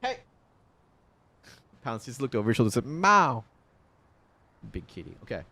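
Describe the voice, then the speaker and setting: A man's voice: mid-range voice, wildly swooping pitch, fast talker, a little mellow, dry recording. Man chatting casually on a game stream. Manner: rambling, jokey, swears casually. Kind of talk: casual gaming stream chat.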